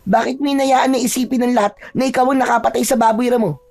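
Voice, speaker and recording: A man's voice: high-pitched, a little fast, voice pushed up. A man doing a wounded young chieftain's son. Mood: resentful. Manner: reproachful and wounded.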